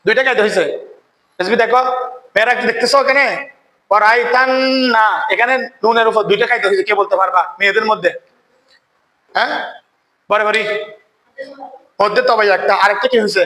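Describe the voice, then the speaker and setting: A man's voice: sits high, steady tone, sharp tone, roomy sound, rough recording. A man teaching a Quran recitation lesson who quizzes his students and keeps checking that they follow. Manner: quizzes students, often asks "কেমন?" to check understanding; chants verses slowly when demonstrating recitation. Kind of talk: classroom tajweed lesson.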